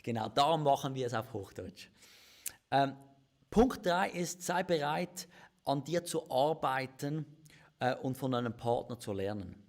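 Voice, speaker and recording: In a church office, a pastor with a Swiss German accent co-hosts a livestreamed conversation about marriage, earnest and confessional. His medium-pitched voice is animated and moves at a measured pace.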